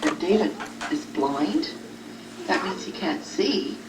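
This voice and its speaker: Speaking slowly in a lowish, very animated voice, a woman who works at a group home addresses a child as though in an audio letter, keeping her explanations simple. A distant cassette recorder picked her up, leaving a roomy, noisy tape sound.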